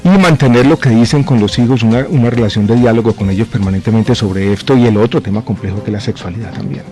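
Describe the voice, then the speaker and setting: Low-voiced man, measured and hesitant. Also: warm tone, faint music behind. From born in Chile, raised in Colombia. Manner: measured, reflective, hesitant with many fillers. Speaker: guest, health minister. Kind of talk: radio interview answers.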